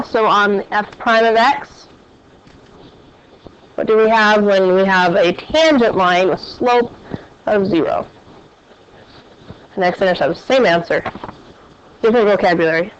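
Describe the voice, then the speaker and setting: Slow-paced woman teaching a class. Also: mid-range voice, a little hiss or hum. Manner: quizzing students with questions. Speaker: math teacher. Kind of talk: classroom lecture. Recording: dull, lo-fi classroom recording.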